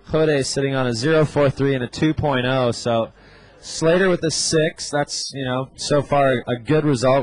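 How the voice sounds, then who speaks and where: This is a man working as a surf contest announcer, calling the action live. His voice sits at an average pitch, and he talks conversationally, with relaxed surfer slang mixed into the scores and play-by-play. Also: rough recording.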